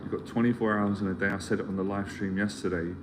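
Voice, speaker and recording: Earnest and rambling, a middle-aged life mentor with a lowish, fairly even voice speaks quickly in a motivational live stream, often repeating himself while hunting for the right words. Background ambience noise sits under a clear recording.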